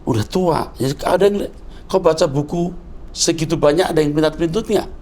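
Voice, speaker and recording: A man's voice: a little high, brisk, darkish tone, slight background noise. A man in his sixties, a pastor answering viewer questions in a fatherly, lecturing way. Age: 60s. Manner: fatherly, lecturing, calls listener "Nak". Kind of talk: conversational teaching.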